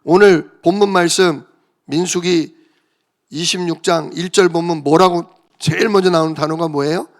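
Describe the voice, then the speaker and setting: A man's voice: fairly high pitch, moderate pace. A male pastor giving a conversational sermon, often asking the congregation questions. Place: church.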